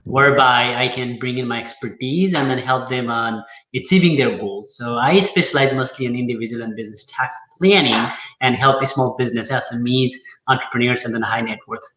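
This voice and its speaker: A man's voice: medium pitch, steady tone, fairly quick, roomy sound, background noise. A man from Nepal, a guest accountant talking casually and hesitantly with many fillers. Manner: hesitant, lots of fillers and restarts. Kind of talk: casual interview talk.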